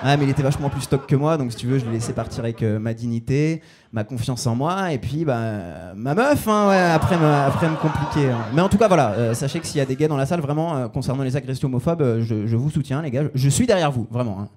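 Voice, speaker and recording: A man's voice: mid-range voice, animated, fast talker, noisy background. A man in his twenties performing a self-mocking stand-up set on stage, in a casual slangy way. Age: 20s. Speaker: stand-up comedian. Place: stage before a live audience.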